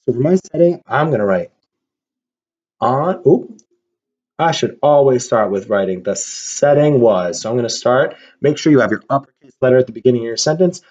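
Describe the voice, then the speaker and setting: A man's voice: mid-range voice, expressive, normal speed, darkish tone. A man teaching young children, talking to them in an upbeat way while he draws. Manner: upbeat, talks to kids while drawing. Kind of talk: reading a storybook and teaching a lesson. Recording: dull lo-fi sound.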